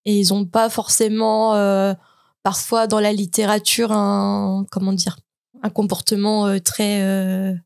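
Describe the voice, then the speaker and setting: A woman's voice: mid-range voice, level tone, a little slow, vocal fry, darkish tone, smooth. A French woman co-hosting a casual podcast, telling stories with many hesitations and fillers. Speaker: podcast co-host. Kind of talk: casual chat, telling an anecdote.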